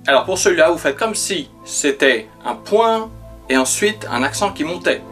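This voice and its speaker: A man's voice: on the high side, animated, normal speed, a bit bright, soft background music. A man giving a pronunciation lesson, carefully demonstrating letters and sounds one by one. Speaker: language teacher.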